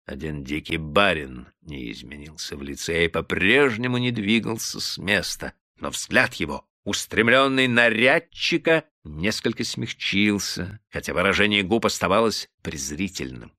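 Expressive man reading classic prose. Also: sits low, normal speed, no room sound, studio quality. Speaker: audiobook narrator. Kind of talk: scripted narration of classic prose.

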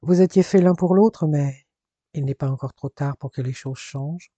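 A protective older father, read by a man, firm and formal, offering calm reassurance in a storybook reading. His voice is warm and dark, with a slightly high pitch. It is recorded dry and close. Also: moderate pace, dry recording, dull audio, close to an everyday voice. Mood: firm, reassuring.

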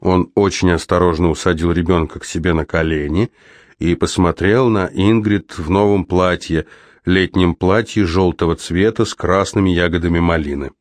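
Guy reading an audiobook, calm and even, really low voice, dry studio sound. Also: normal speed, no room sound. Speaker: audiobook narrator. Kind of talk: scripted audiobook narration. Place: recording studio.

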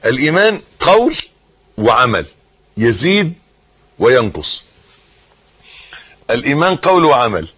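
A man with an Egyptian accent preaching a sermon, teaching by repeating phrases and putting questions to his listeners, rising to emphatic bursts and then sinking to hushed words. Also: medium pitch, very animated, measured pace, long pauses, slightly rough. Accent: Egyptian Arabic. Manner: swings between raised emphasis and soft, hushed phrases.

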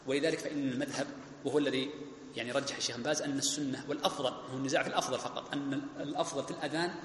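A man's voice: medium pitch, a bit bright. A man teaching a classical religious text, explaining point by point and repeating key phrases. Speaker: Islamic scholar teaching a text. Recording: echoey hall with faint background noise.

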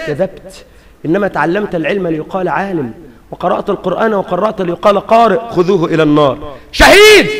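A man preaching with an Egyptian accent, fiery and emphatic, often bursting into shouts. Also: high voice, long reverb tail. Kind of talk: sermon.

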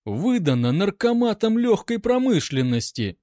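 A man voicing a defiant young female Red Army soldier who shouts her indignation in a raised, strained voice. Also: high voice, big pitch swings, measured pace, dry recording, clean studio sound, voice pushed up. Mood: defiant, shrill.

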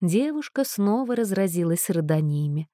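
A woman narrating an audiobook story in a measured, expressive reading. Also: medium pitch, no echo, clean studio sound. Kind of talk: scripted narration.

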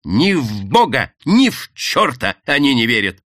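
A bitter, furious woman hurls indignant curses, voiced by a male audiobook reader. Her lines swing widely in pitch at a slow pace. The sound is dry and close. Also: very animated, fairly bright tone, no echo.

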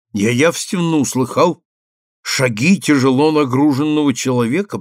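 An audiobook narrator reads a story aloud in a measured, expressive storytelling style. His voice is medium in pitch, and the scripted narration is recorded dry with studio quality.

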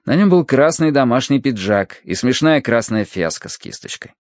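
A man's voice: medium pitch, lively intonation, darkish tone, dry recording. Dry, close male audiobook narrator. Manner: measured, wry storytelling.

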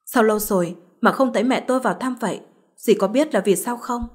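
A woman voicing a spoiled, vicious young woman who turns from pleading to threats, in a husky voice. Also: on the high side, fairly quick. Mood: anxious pleading. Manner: shifts between pleading and snarling threats.

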